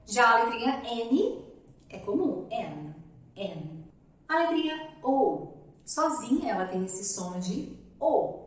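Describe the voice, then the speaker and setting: A young Brazilian woman teaching English pronunciation, carefully repeating each sound slowly to demonstrate it. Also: a little high, lively intonation, distant mic. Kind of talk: pronunciation lesson. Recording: very echoey room, voice off-mic.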